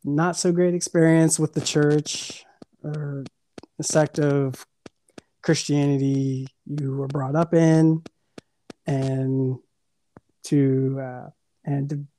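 A man with a slightly high, warm, level voice hosts a casual podcast interview, speaking slowly with long pauses. He is hesitant, full of fillers, and often restarts his questions. The recording is rough, with slight background noise.

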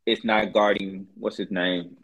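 A man's voice: deep voice, little pitch movement, measured pace, a bit bright, lo-fi sound. A man chatting casually about sports like a fan commentator, in slangy, profane, emphatic buddy talk.

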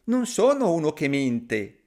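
A man voicing a clever, boastful little mouse in a storybook reading, quick and cheeky. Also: fairly high pitch, very animated, a little mellow, voice pushed up.

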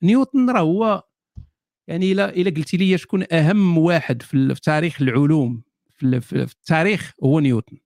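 A man's voice: a little high, fast talker, gravelly, darkish tone, no room sound, studio quality. A man with a Moroccan accent hosting a casual live Q&A, answering viewer questions with jokes, sardonic asides and frequent laughter.

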